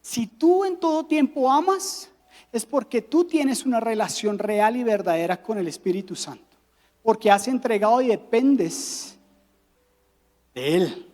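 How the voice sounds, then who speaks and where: Male pastor, Colombian accent, animated sermon delivery with humor. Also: extremely high pitch, a little slow. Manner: animated preaching with rhetorical questions and humor.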